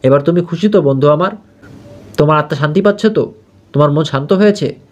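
A man's voice: a little high, quick pace, natural voice. A man voicing a deranged, vengeful young male killer with a menacing manner in a storybook reading. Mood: gloating. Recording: dull lo-fi audio.

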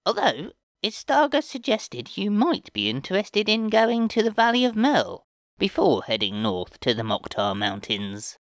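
A screechy, nasal goblin guide for a storybook reading, cheerful and eager to help. The voice jumps high and lively with a dry, close sound. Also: male voice, measured pace, dry recording, heavily acted. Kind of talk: audiobook character voice.

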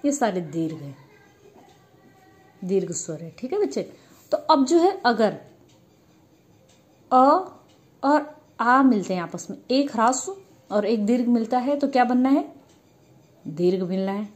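A woman's voice: on the high side, expressive, a little slow, pauses often, a little mellow. A woman teacher giving a grammar lesson, patiently asking questions and answering them herself. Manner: addresses students as children.

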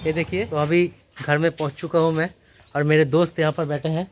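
A man's voice: on the high side, little pitch movement, fairly quick, a little hiss or hum. A young man in his twenties, talking to viewers in a friendly way as he films on a phone held at arm's length, walking outdoors through a busy market. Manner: friendly, addresses viewers directly. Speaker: vlogger. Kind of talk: casual vlog narration.

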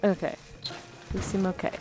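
A woman's voice: normal speed, dark tone, faint music behind. A woman chatting casually and playfully with friends while playing a video game, full of exclamations. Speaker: player in a co-op video game session. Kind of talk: casual gameplay chat with friends.

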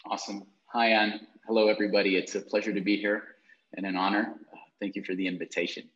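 A man's voice: lowish voice, level tone, quick pace, a bit bright. Muffled man on a video call. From Guatemala. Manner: many fillers and repeated words. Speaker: guest entrepreneur. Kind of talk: conversational storytelling. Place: indoor room with brick wall. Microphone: video call with earbuds.

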